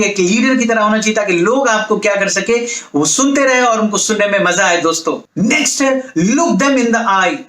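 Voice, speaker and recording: A man's voice: high voice, a bit bright, echoey room. A male business coach giving an emphatic motivational lecture, asking the audience rhetorical questions.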